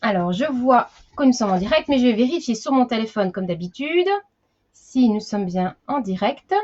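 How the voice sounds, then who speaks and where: A woman's voice: a little high, lively intonation, moderate pace, a little mellow, highs cut off. Chatty woman teacher greeting children. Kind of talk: live online class for young children.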